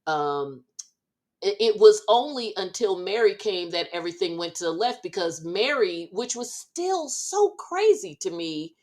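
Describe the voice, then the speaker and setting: A woman co-hosting a podcast, recapping reality TV in unhurried, measured casual chat with frequent fillers. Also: mid-range voice, sing-song, a little mellow. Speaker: podcast co-host.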